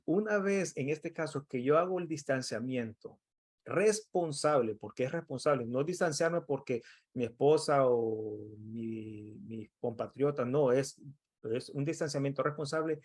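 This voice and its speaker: At a measured pace and in a mid-range voice, a middle-aged man from El Salvador delivers an earnest motivational talk. Working as an emotional intelligence coach, he keeps it conversational and performs quoted lines of dialogue.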